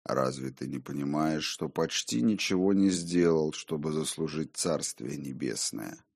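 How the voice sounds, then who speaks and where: Man voicing a hushed ghostly double of a man. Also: unhurried, vocal fry, heavily acted. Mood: hushed taunting. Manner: low, hushed, calm and taunting. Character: eerie whispering male double, his conscience. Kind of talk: audiobook character voice.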